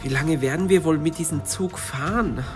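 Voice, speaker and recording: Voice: medium pitch, moderate pace, music in the background, pitched below the performer's own voice, close to an everyday voice. A performer voicing an anxious young girl detective with asthma, talking breathlessly and stammering in a hurry. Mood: hurried. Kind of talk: storybook narration in first person.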